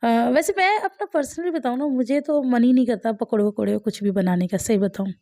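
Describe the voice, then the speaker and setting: A woman's voice: a little high, a little fast, mellow, dry recording, clean studio sound. A woman from India, a mother chatting casually over her family vlog, wry and self-mocking, laughing often.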